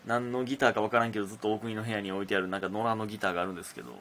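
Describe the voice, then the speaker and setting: This young radio host and comedian talks very fast in a fairly low voice, with slight background noise behind him. He speaks Kansai Japanese, rambling through his casual solo talk with animation and many fillers.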